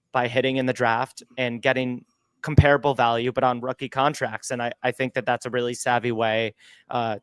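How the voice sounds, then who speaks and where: Smooth-voiced upbeat podcast man. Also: medium pitch, no room sound. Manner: enthusiastic, analytical, upbeat. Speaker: podcast co-host. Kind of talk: casual draft analysis on a livestream.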